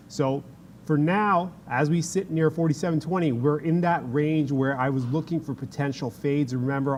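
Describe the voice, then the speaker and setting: A man's voice: medium pitch, darkish tone, a little hiss or hum. A man presenting casual, conversational trading commentary as a futures trader on a show. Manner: informal, conversational.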